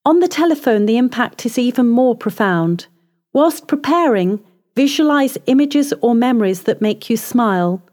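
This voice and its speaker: A woman voice coach giving calm, measured spoken instructions for vocal warm-ups and posture in a scripted narration. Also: a little high.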